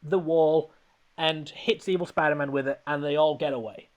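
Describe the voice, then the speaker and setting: A man's voice: fairly high pitch, steady tone, moderate pace. A man hosting a podcast, rambling and laughing as he recaps a film in casual comedic chat. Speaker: podcast host.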